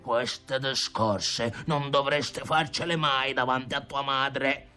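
A man voicing a stern old grandfather in a storybook reading, speaking slowly and scolding. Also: medium pitch, fairly even intonation, pushed and bright, soft background music. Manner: slow, scolding.

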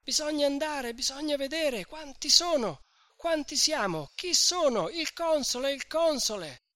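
A reader voicing an alarmed crowd of village men who shout frantic questions over each other, in an audiobook of a classic novel. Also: high voice, animated, unhurried, no echo, studio quality, voice pushed up, exaggerated voice.

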